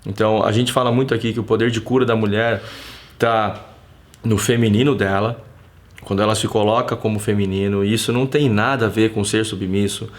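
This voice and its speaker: A Brazilian man hosting a live stream from his home, chatting casually in a slangy, animated way and telling stories with quoted dialogue. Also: lowish voice, brisk.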